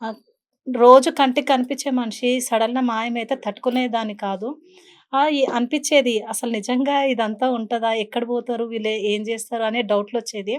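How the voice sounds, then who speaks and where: A woman speaking as a talk-show guest, telling her own story in an earnest way. Her voice sits a little high, and her words come quickly. She often slips English words into her speech. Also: fairly even intonation. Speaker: interview guest. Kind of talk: emotional personal storytelling in an interview.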